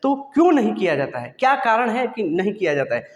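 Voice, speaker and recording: A man's voice: sits high, very animated, a little fast, big-room sound, soft background music. A man teaching a video lesson, asking questions and answering them himself.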